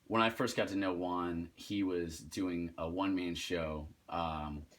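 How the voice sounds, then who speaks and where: A man in a casual chat introducing a fellow actor, hesitant with many pauses and fillers. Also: low-pitched, steady tone, fairly bright tone. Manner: hesitant, many ums and uhs. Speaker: guest actor.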